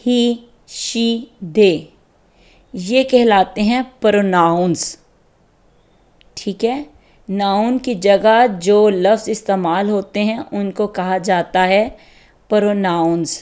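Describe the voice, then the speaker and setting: A woman with a mid-range, darkish voice gives beginners a slow, step-by-step English grammar lesson. She's patient, checking in with her listeners and repeatedly saying "theek hai" to make sure they follow.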